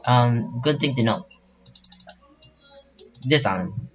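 A man's voice: medium pitch, drawn-out words, dull audio, faint music behind. A young man commentating his own online game battle in a casual, rambling way, full of fillers and restarts. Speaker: gaming channel host.

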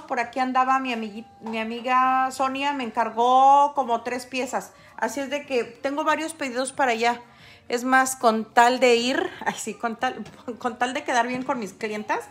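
A middle-aged woman, chatting casually with viewers on a livestream while she paints. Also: fairly high pitch. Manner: chatty, talks straight to viewers. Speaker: artist livestreaming her painting.

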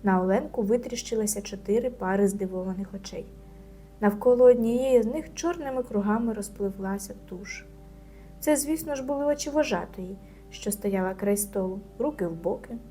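Brief: female narrator for a children's audiobook, lively and expressive, faint music underneath. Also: medium pitch, moderate pace.

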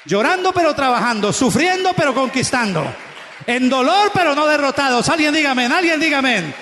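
A male pastor delivers an impassioned, exhorting sermon, pressing his points by repeating them. His voice sits unusually high for a man. The sound rings through a church hall with a long, roomy reverb. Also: lively intonation, brisk, pushed and bright, some chatter behind, a little hiss or hum. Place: church sanctuary.

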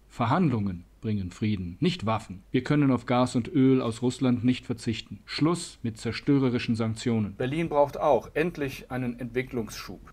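A man's voice: mid-range voice, darkish tone. Man reading an earnest campaign address. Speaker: campaign ad speaker. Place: indoors in front of a map backdrop.

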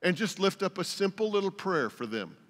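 An older male pastor preaches in a folksy, joking way, telling stories to his congregation. His voice sits a little high and swings up and down with plenty of life. The sound rings with a long reverb from a church hall. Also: big pitch swings, fairly quick, fairly bright tone. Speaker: lead pastor. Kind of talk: sermon. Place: church sanctuary.

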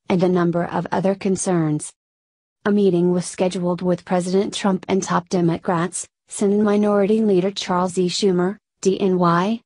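A woman reads scripted news in a steady read-aloud way, stumbling over abbreviations. Her voice sits fairly low and has a dark, mellow tone. The close voice-over sounds dry, with no room around it. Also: dry recording. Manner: even read-aloud delivery that garbles abbreviations. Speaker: news narrator.

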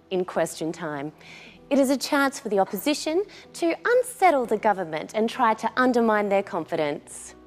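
With a mid-range, slightly mellow voice, a woman reads scripted documentary narration in a measured, explanatory manner.

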